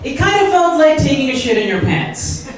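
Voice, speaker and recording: Stand-up comic in an echoey room. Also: male voice, very high-pitched, very animated. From Pakistan. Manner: self-deprecating, punchy jokes with pauses for laughs. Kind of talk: stand-up comedy set. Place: live event room with audience. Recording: echoey venue mic heard from far off with crowd.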